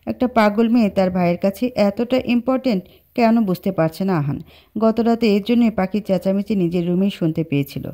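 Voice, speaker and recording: Woman narrator, steady storybook reading, mellow and warm, for an audio love story. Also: medium pitch, brisk.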